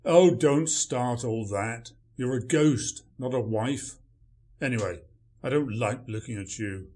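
A man's voice: medium pitch, takes it slowly, warm tone, natural voice. A man playing a grumpy male writer, dry, sarcastic and dismissive in a radio play. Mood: sardonic.

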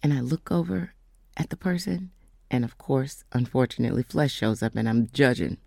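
A woman telling a faith testimony in a casual storytelling way, slowing down and dropping to whispers for emphasis. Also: a bass voice, expressive, creaky, a little mellow, no echo, studio quality. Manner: storytelling, acts out quoted voices; slows down for emphasis, drops to whispers. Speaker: speaker giving a testimony.

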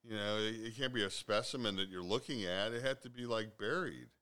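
A man's voice: lowish voice, brisk, sharp tone, smooth. Rambling man hosting a casual chat. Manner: rambling, restarts, jokey asides. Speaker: host.

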